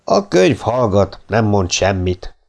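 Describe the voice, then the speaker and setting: A man voicing an impassive, dignified male ruler in an audiobook reading, calm and measured. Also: fairly low pitch, vocal fry.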